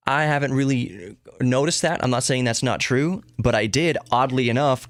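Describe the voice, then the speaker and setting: A podcast host speaking alone in a mid-range voice, recorded dry in a clean studio. He rambles casually through tech and geek news, often interrupting himself and repeating words for emphasis.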